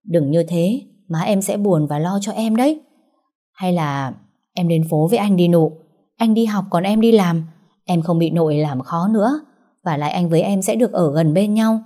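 Woman doing a gentle coaxing young man. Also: fairly low pitch, normal speed, lightly acted. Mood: tender. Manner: soft, coaxing.

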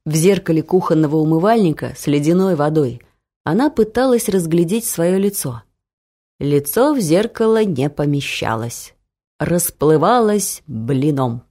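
A woman narrating a humorous family story for an audiobook, expressive and lively. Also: sits low, measured pace.

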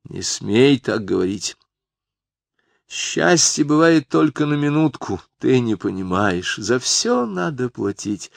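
A man's voice: lowish voice, gravelly, no echo, exaggerated voice. A man voicing a moody middle-aged woman fortune teller who gives clipped, ominous card readings. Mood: bitter.

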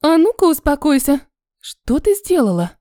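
A brash, bossy young girlfriend, as a woman reader puts her on, talking crudely and giving orders. The voice sits fairly high, with a mellow tone in a dry, close recording. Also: sing-song, moderate pace, no room sound. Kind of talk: audiobook character voice.

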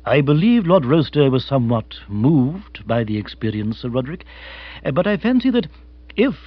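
For a storybook, a man voices an unflappable, formal English manservant who is very polite, precise and wordy, speaking in a stately, roundabout way with a measured, deferential mood. His mid-range voice is very animated at normal speed, with no echo and the highs cut off.

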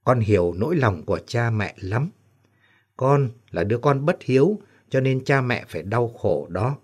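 A man's voice: medium pitch, animated, moderate pace, a little mellow, breathy edge. A man voicing the sorrowful ghost of a young son in an audio story, speaking sadly. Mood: mournful. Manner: sad, mournful.

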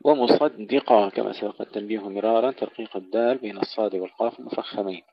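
A man teaching Quran recitation, chanting verses slowly and then explaining pronunciation rules in quick plain speech. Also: lowish voice, steady tone, gravelly, dull audio.

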